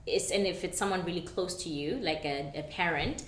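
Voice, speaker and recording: A woman's voice: fairly low pitch, fairly quick, reverberant, slight background noise. A woman hosting a casual group chat, agreeing often and sharing her own views. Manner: agreeable, frequent affirmations. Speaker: host.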